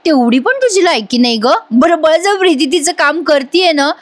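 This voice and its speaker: A woman voicing a scheming young woman who taunts and fake-whines in a high, sneering, sing-song voice. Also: animated, moderate pace, no room sound. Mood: taunting.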